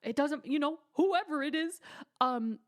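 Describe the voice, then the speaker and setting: A woman's voice: high voice, animated, unhurried. Bubbly young woman podcasting. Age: 20s. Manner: bubbly, dramatic, with playful asides and mock whispers. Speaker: podcast host. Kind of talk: casual solo podcast chat.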